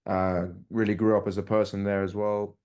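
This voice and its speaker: Deep-voiced young Englishman from London. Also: normal speed, clear, resonant tone. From England. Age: young adult. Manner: relaxed, easygoing, uses fillers like "like" and "um". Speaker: professional soccer player, guest. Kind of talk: casual interview.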